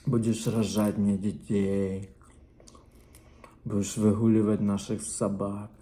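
A man's voice: lowish voice, flat delivery, takes it slowly, warm tone. A man chatting casually and playfully to viewers during a mukbang, chewing while he talks. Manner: playful, joking, addresses viewers directly. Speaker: mukbang vlogger.

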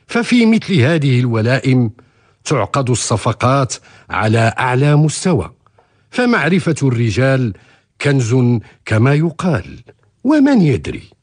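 An actor playing an older, pious merchant father in a historical radio drama, speaking formally and persuasively with a husky voice. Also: medium pitch, darkish tone. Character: older merchant father, ambitious, pious, coaxing his son.

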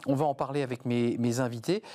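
Male TV talk host, middle pitch, informal, halting delivery with many fillers. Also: fairly even intonation, warm tone. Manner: hesitant, frequent "euh" fillers and restarts. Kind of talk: live TV talk show hosting.

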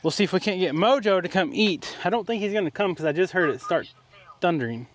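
A man's voice: animated, quick pace, a little hiss or hum. A man, chatting casually outdoors on his farm in an easygoing rural way. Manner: easygoing rural talk, calling animals in a high coaxing voice. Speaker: farmer and channel host. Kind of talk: casual farm vlog narration. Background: goats, sheep and chickens.

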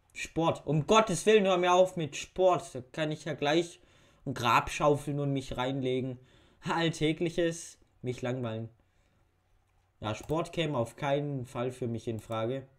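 Slow-talking young man, wry quiz commentary. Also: a little high. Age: young adult. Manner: slow, wry, reads questions aloud and mutters answers. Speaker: YouTuber. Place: bedroom at home. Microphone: webcam facecam.

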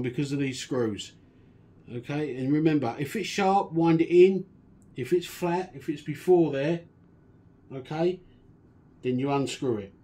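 A man casually walking through a guitar restoration and explaining each step in a relaxed, chatty way. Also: fairly high pitch. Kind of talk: casual workshop demonstration.

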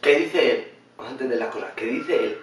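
A man giving blunt, animated vlog commentary in reaction to a video. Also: mid-range voice, brisk. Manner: animated, blunt and swearing, mimics others in funny voices. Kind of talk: casual opinionated commentary. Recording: very echoey room, mic at a distance.

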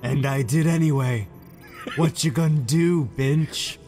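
Man as smug, higher-voiced Shadow the Hedgehog. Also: measured pace, a little mellow, soft background music, natural voice. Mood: mocking. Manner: cocky, flippant, mocking. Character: smug, taunting young male anime-style hedgehog antihero. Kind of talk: improvised comic video game fan dub.

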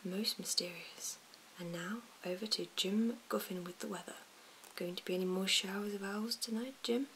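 A woman's voice: mid-range voice, steady tone, moderate pace, hardly any pauses, fairly bright tone, lightly acted. A woman whispering the part of a wry male evening newsreader in a formal newsreading manner, over a noisy recording with clicks.

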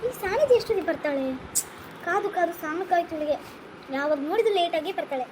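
A woman's voice: extremely high pitch, expressive, a little fast, a little mellow, a little hiss or hum. A woman voicing a chatty, reassuring yet bossy girl, the visiting friend in a cartoon skit.

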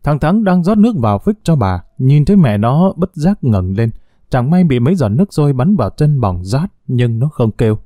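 A man narrating a scripted story in an expressive storytelling manner. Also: mid-range voice, normal speed, no room sound.

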